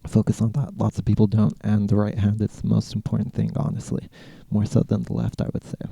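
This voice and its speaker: American man, podcast Q&A host: low, gravelly, mellow, relaxed and rambling. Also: a little fast, dry recording. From California, USA. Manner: laid-back, rambling, with many "like" fillers. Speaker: podcast host answering listener questions. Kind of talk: casual Q&A chat.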